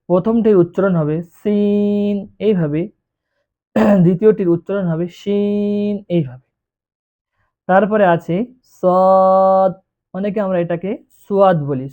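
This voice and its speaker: A Quran reading teacher giving a beginner lesson, patiently drawing out each letter sound to demonstrate it. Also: medium pitch. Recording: tinny phone-like recording.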